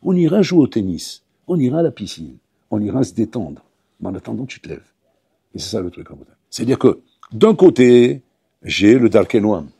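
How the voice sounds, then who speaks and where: A man, a rabbi, teaching a lively Torah class to yeshiva students. He talks to them directly and acts out little dialogues. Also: medium pitch, normal speed, creaky, husky, no echo, studio quality. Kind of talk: animated Torah lesson. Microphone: audio recording of a class.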